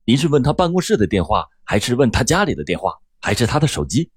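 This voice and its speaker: A man voicing a calm, polite young male traffic officer who speaks steadily. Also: medium pitch, fast, slightly rough, no room sound, clean studio sound.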